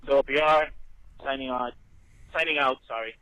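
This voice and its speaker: Brief: laid-back tired man, phone voice message replayed over a speaker, mid-pitched, dry sound. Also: fairly even intonation, normal speed, pushed and bright, no echo, rough recording. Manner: laid-back, swears freely. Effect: voice message played back through a speaker. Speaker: listener calling in with a voice message. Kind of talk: casual spoken voice message. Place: in a moving car.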